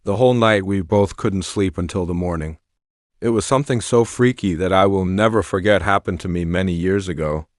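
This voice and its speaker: A man narrating a first-person horror story in a steady, plain recounting manner. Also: deep voice, a little fast, no room sound, clean studio sound.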